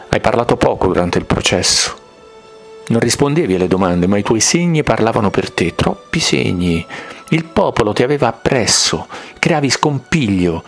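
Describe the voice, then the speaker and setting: A man voicing the high priests as one cold, self-righteous figure, in a bitter inner monologue that moves from musing to hard judgement. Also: creaky.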